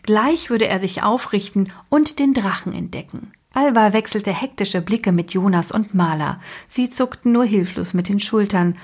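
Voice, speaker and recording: A storyteller with a breathy, medium-pitched, somewhat dark voice reads a children's book aloud with expression. At tense moments she drops to a whisper.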